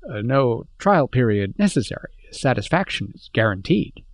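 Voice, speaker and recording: A man voicing a human trader haggling with an alien, keeping up a strained, insistent sales pitch. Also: sing-song, normal speed, dry recording, clean studio sound. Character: human trader, tense and forcing politeness.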